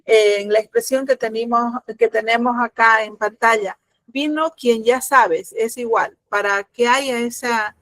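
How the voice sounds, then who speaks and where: A middle-aged woman teaching a grammar lesson, explaining patiently, often pausing with fillers and checking that students follow. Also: fairly high pitch, steady tone, a bit bright, no echo.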